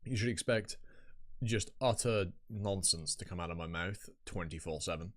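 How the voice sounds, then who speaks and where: A man's voice: deep voice, normal speed. A man, chatting casually and rambling on a live reaction stream, swearing and mocking himself.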